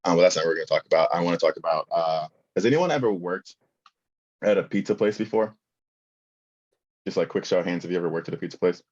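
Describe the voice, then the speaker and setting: Young male workshop presenter, very low voice, loose chatty delivery, muffled lo-fi recording. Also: fast, long pauses, a little mellow. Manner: casual, filler-heavy, engaging the audience.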